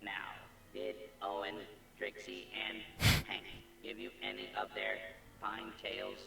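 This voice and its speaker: Slow, gravelly old prospector cowboy. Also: male voice, fairly low pitch, monotone. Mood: folksy. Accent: American Western. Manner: old prospector drawl, slow folksy western talk. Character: folksy old-west robot cowboy gunslinger and park attendant. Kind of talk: video game character acting. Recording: echoey, distant, under loud music.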